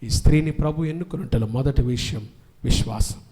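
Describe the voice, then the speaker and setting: A male pastor preaching a sermon, calling out questions for the congregation to answer aloud and swinging between loud proclamations and soft asides. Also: mid-range voice, brisk.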